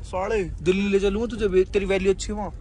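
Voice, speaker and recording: Filming on a phone held in his hand, a young man in his twenties chats with friends for a casual travel vlog, trading crude jokes and talking straight to viewers. He rides in a car along mountain roads, then hikes a forest trail and runs out of breath on a steep climb. He sits high in pitch, keeps a level tone, talks fast and sounds a little mellow.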